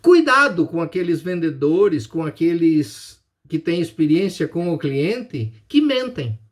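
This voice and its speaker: A man's voice: a little high, sing-song, a little slow. A man with a Brazilian Portuguese accent giving a business lecture, emphatic, asking and answering his own questions. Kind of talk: recorded lecture.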